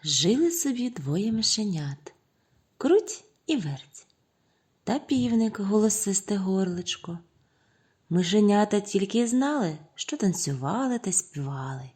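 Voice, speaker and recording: A woman reading a bedtime fairy tale slowly, in a melodic, rising-and-falling voice. Her tone is mellow and softly husky, and she sometimes sinks into a whisper. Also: mid-range voice, sing-song. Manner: slow, lilting, sometimes whispered. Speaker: storyteller. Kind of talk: children's bedtime tale narration.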